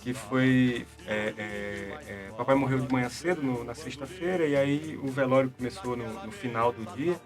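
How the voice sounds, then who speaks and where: A man's voice: mid-range voice, moderate pace, hardly any pauses. Man, middle-aged, rambling storyteller, faint music behind. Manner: rambling, full of fillers and repeated words. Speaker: debate show guest. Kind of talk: casual storytelling.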